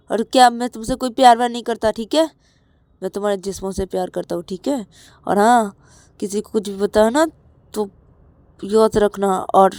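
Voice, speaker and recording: A woman's voice: medium pitch, a little mellow, no echo, lightly acted. A woman voicing a domineering, threatening young male lover who gives harsh orders. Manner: harsh, menacing, rapid-fire demands.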